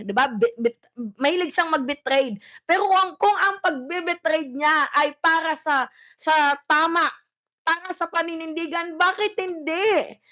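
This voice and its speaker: A high-pitched woman delivers emphatic, scolding political commentary. She switches freely into English phrases as she talks. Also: sharp tone. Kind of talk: heated political commentary vlog.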